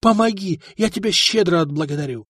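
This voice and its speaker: A man's voice: high voice, expressive, fairly quick, fairly bright tone, slightly rough, dry recording, studio quality, heavily acted. A man voicing a terrified male usurer who pleads desperately through chattering teeth. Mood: begging.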